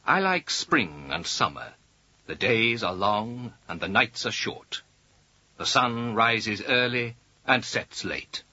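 A man speaking slowly and carefully in a scripted language-course dialogue. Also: fairly low pitch, very animated, bright, forceful tone, no room sound. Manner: slow, careful, clearly spaced delivery. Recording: dull lo-fi audio.

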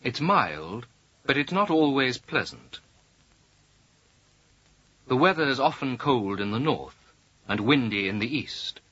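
A man speaking slowly and carefully in a scripted language-course dialogue. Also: mid-range voice, sing-song, sharp tone, no room sound. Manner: slow, careful, clearly spaced delivery. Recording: dull lo-fi audio.

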